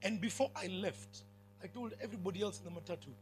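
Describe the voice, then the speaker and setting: A Kenyan-accented man preaches to students in a big, commanding voice that is high-pitched and fast. He speaks emphatically and keeps checking whether the crowd is following, in a call-and-response style, while faint music plays behind him.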